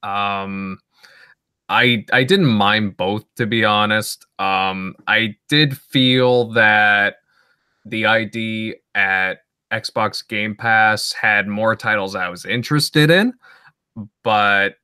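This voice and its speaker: Bright-voiced male podcast host. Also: lowish voice, takes it slowly, smooth, dry recording, studio quality. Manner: relaxed, conversational, leads the talk. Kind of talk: casual podcast chat.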